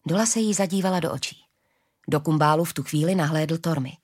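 A woman narrating a story, reading with a steady, even delivery. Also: deep voice.

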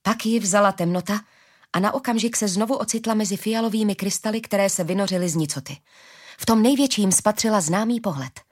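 Female narrator, steady audiobook read. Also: mid-range voice. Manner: steady storytelling.

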